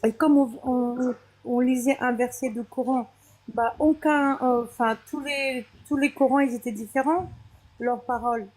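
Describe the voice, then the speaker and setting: A woman's voice: sits high, steady tone, measured pace, darkish tone, low-quality recording. A woman with a foreign accent, not a native French speaker, giving an unscripted personal testimony in a hesitant way, often searching for words.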